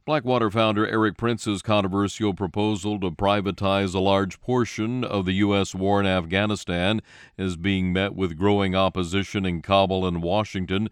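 Deep-ish smooth guy anchoring radio news, dry close studio sound. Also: fairly even intonation, normal speed, no room sound. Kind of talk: scripted news reading.

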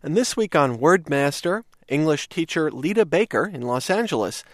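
A man hosting an educational radio program, reading scripted links in a measured, clear manner. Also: a little high, expressive, no room sound, studio quality. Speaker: radio host.

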